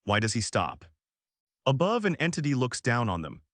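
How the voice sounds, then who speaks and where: A man's voice: medium pitch, huge pitch swings, normal speed, dry recording, clean studio sound. A man narrating a comic recap in a scripted storytelling voice.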